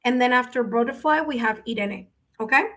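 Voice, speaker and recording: A woman with a fairly high voice speaks a little fast in a sharp tone, with slight background noise. She hosts a live tarot reading stream, chatting with viewers, repeating herself and often tagging sentences with "okay?". English is her first language and Spanish her second.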